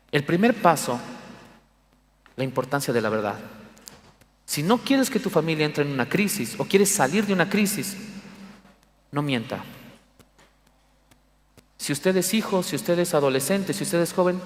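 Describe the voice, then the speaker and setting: A man preaching a sermon as pastor, animated, asking the congregation rhetorical questions and breaking into sudden loud bursts. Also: fairly high pitch. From Bolivia. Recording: echoey church hall reverb.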